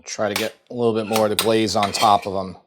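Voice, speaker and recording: A man's voice: lowish voice, fast, background noise. Chatty Long Island man cooking. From Long Island, New York. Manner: chatty and relaxed, many fillers like "like". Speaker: cooking show host. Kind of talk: casual cooking demonstration. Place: home kitchen.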